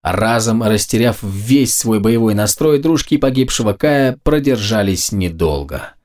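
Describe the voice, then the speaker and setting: A man reads a fantasy audiobook in the first person, his voice sitting low. He tells the story in a steady, measured way. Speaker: audiobook narrator.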